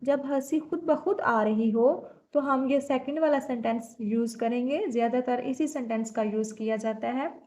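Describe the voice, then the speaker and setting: A woman teaching a language lesson, explaining sentences and reading example phrases slowly and deliberately. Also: on the high side, darkish tone. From South Asia. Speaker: English teacher.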